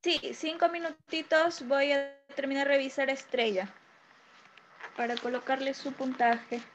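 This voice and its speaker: A primary school teacher, a woman with a Peruvian Spanish accent, goes patiently through an exam with young children in an online class, checking in often. She speaks at normal speed in a high voice with a level tone. The video-call audio has its high frequencies cut off.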